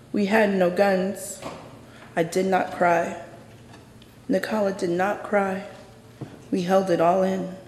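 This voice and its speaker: A woman telling a personal story live on stage in a measured, solemn way. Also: fairly low pitch, gravelly, a little mellow, a little hiss or hum. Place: stage in a theater. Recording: echoey hall from a stage.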